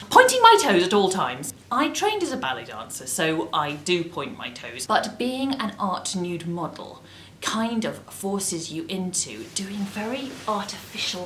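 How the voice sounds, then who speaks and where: A woman with a posh English accent vlogging in a chatty, self-mocking way. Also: a bit bright. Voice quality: posh, high-voiced. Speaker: vlogger, freelance model. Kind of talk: casual talking-to-camera vlog. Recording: echoey room with faint noise.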